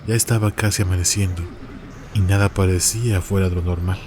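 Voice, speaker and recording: A man hosting a horror story channel, reading out a listener's tale in a measured, steady scripted narration. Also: deep voice, noisy background.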